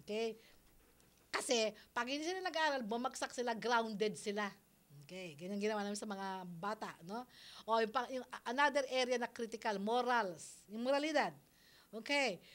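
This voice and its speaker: Middle-aged woman, radio advice host, slightly high voice, chatty and quick to laugh, studio mic. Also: fairly bright tone. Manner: chatty, mixes English phrases into Tagalog, laughs easily. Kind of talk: radio advice talk on parenting.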